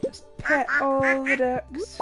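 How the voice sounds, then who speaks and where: Congested and a bit under the weather, a young woman streams a game, chatting casually and apologizing for how her voice sounds. Her pitch is high and her tone steady as she takes her time, with game music playing behind her.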